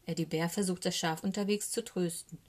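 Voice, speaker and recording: A woman's voice: on the low side, steady tone, brisk, a little mellow. A woman reading a children's storybook aloud, expressively, sometimes dropping to a whisper for suspense. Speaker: narrator.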